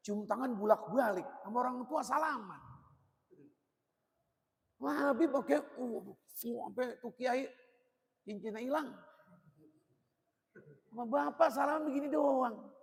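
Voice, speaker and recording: A man's voice: extremely high pitch, creaky. A man preaching a colloquial sermon, blunt and joking, in street slang. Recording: long hall reverb.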